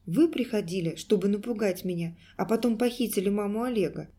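A woman's voice: medium pitch, fairly quick, mellow, lightly acted. A woman reading an audiobook, voicing an earnest, anxious young girl who speaks urgently. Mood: uncertain. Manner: urgent, pleading.

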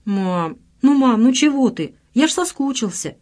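A woman voicing a cheerful young man just back from army service, speaking with lively pitch swings in an audiobook reading. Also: measured pace. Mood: eager, coaxing.

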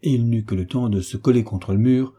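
A man narrating a classic novel as an audiobook in a measured storytelling manner. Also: mid-range voice, warm tone, husky.

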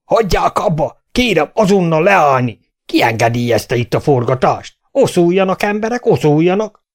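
A man voicing a furious, pompous small-town mayor who shouts in a raised, strained voice. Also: a little high, sing-song, pitched above the performer's own voice. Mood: outraged.

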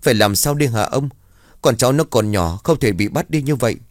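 A man's voice: lowish voice, lively intonation, moderate pace, no room sound, studio quality, close to an everyday voice. A man voicing a distraught young village mother who pleads with choked, broken phrases in a storytelling narration. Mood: crying, pleading.

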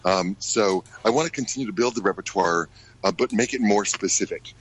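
A middle-aged American man, a ballet director, answering questions in a radio interview, halting with many fillers and restarts. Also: lowish voice, slightly rough, low-quality recording. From United States.

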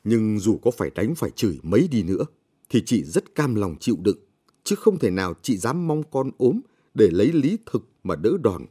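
A man narrating a short story in a slow, measured, somber reading. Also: lowish voice, very animated, warm tone, husky. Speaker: audiobook narrator.

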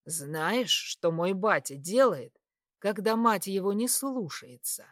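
A woman voicing a cruel, mocking young male satyr who taunts and threatens in a lowered, sneering voice. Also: expressive, measured pace, fairly bright tone, no echo, clean studio sound. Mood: menacing.

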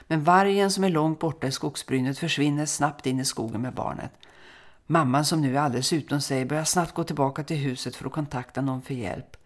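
A woman podcast co-host and folklorist, calmly reading a listener's letter and story aloud in a measured way. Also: low voice. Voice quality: creaky.

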